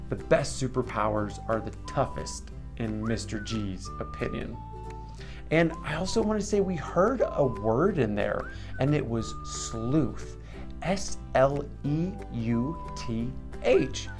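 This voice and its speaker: Over music, a man hosts a children's storytime, speaking casually and reflectively to young viewers and encouraging them with questions. His mid-range voice swoops wildly in pitch at a slow pace.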